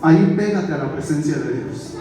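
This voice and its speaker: A man preaching a sermon as pastor, stretching out scripture quotes slowly and calling the listener "my brother". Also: a little high, lively intonation, mellow, faint music behind. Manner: preaching, repeatedly addressing "mi hermano"; slows down for emphasis on scripture quotes. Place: church. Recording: very echoey church hall, distant mic.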